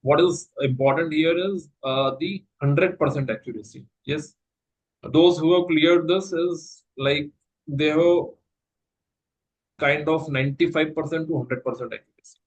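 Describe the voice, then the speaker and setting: A man's voice: on the high side, drawn-out words, lo-fi sound. A man with an Indian English accent teaching an online placement class, patiently explaining and mixing Hindi with English. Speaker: placement trainer.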